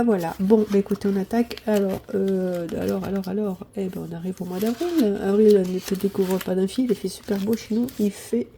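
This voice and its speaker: A woman's voice: mid-range voice, vocal fry, dark tone, a little hiss or hum. A woman, chatting casually to viewers about her weekly budget, full of fillers and repeated "voilà, voilà". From southern France. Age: 50s. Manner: chatty, hesitant, many fillers. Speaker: budgeting vlogger.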